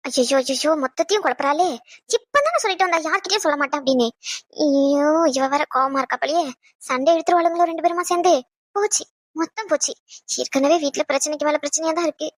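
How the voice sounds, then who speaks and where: A man voicing an anxious young man in a cartoon who tries to smooth things over, talking in a pleading, fretful way. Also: high voice, very animated, quick pace, bright, forceful tone, no room sound, heavily acted. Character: anxious young man, peacemaker, easily flustered. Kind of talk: cartoon voice acting.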